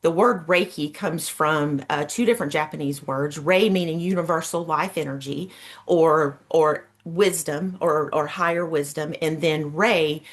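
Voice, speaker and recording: A woman's voice: deep voice, a little slow. A woman with a Georgia Southern accent, giving an informal, folksy explanation as a guest practitioner on a video call. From Georgia, United States. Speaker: Reiki practitioner, guest speaker.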